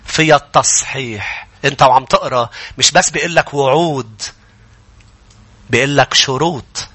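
A Lebanese man preaches with rapid, forceful energy, his bright voice carrying a breathy, husky edge. He moves from hushed, pleading tones to high, urgent calls. The sound is close and dry. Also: dry recording. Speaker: pastor. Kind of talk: sermon.

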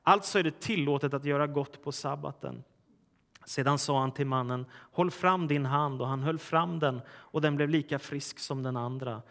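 A man's voice: on the high side, gravelly, in a large hall. A man preaching a sermon, telling a humorous story and then reading scripture aloud. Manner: storytelling, animated in punchlines. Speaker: pastor.

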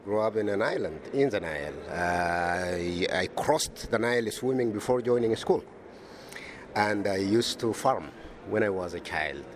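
A man from Sudan gives a short interview answer in a very deep voice. He hesitates and fills pauses as he talks. The recording comes from a busy conference venue, and loud ambient noise surrounds his voice. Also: animated. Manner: hesitant, many fillers. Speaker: economist. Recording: noisy ambient event recording.

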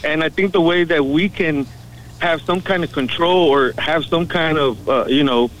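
A man phones in to a radio talk show, his voice carried over a telephone line. He speaks in a somewhat high register. His talk is earnest and rambling, full of fillers. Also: normal speed, fairly bright tone. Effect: heard over a phone line. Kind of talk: casual call-in talk.

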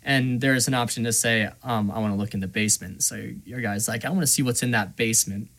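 A man's voice: mid-range voice, quick pace. A man on a podcast, retelling a video game quest in casual chat, acting out voices and filling his talk with "like" and "you know". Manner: animated storyteller, acts out voices, many fillers. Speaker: podcast co-host.

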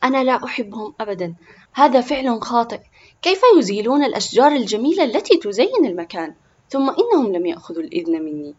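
A woman's voice: on the high side, fast talker, highs cut off. A woman voicing an eager, stubborn five-year-old boy in a storybook. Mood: indignant. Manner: eager, excitable.

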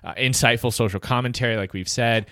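A man co-hosts a casual movie review podcast, talking in animated quick bursts and laughing often. His pitch sits mid-range for a man. The sound is close and dry. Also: no echo. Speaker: podcast co-host.

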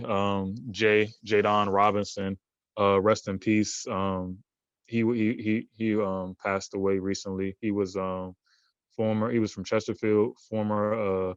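A man's voice: lowish voice, level tone, measured pace, clean tone, no echo, dull audio. A man as a podcast guest in casual chat, rambling with many fillers and restarts and laughing often. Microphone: remote recording.

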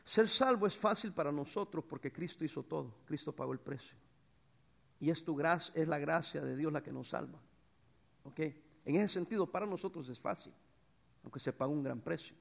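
Man, middle-aged pastor, sermon, high gravelly voice, loud-to-soft swings. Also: normal speed. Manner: animated preacher, swings from shouts to soft tones.

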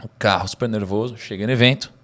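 A man, a podcast guest telling a story in a lively, slangy way with laughs. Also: fairly low pitch, quick pace. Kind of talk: casual storytelling interview.

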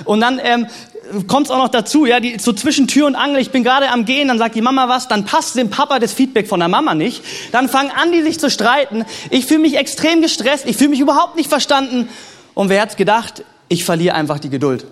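A male pastor preaching a sermon in a lively, conversational way, often checking in with the congregation. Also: extremely high pitch, fairly quick. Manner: lively, conversational, keeps asking "ja?" and "okay?". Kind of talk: sermon with personal storytelling.

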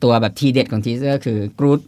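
A man's voice: mid-range voice, fairly even intonation, fast talker, dark tone, no echo. A man co-hosting a casual chat show about upcoming films, joking and laughing easily as he talks. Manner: jokey, laughs often, many restarts. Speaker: co-host.

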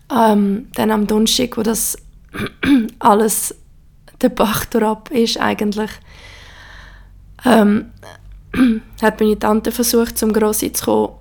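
Hoarse woman with a Swiss German accent. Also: on the high side, steady tone, a little mellow. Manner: halting, many pauses and fillers. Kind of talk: serious personal account.

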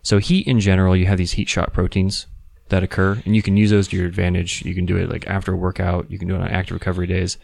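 A man explains things casually on a podcast in a very low voice with plenty of gravelly fry. His intonation stays quite flat. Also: fast, hardly any pauses. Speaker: podcast co-host.

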